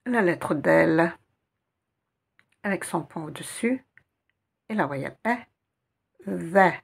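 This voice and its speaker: Slow, gravelly-voiced woman teaching letters. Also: fairly low pitch, expressive. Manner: spells out letters and syllables slowly, repeating sounds. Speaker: Arabic teacher. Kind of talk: slow guided reading lesson.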